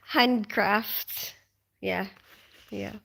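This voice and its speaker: Speaking very slowly with vocal fry, a Filipino woman with a mid-range, fairly bright voice hosts a casual nighttime live stream from home on a low-quality recording. She reads viewer comments aloud and chats with many ums and little laughs, sounding tired and sleepy.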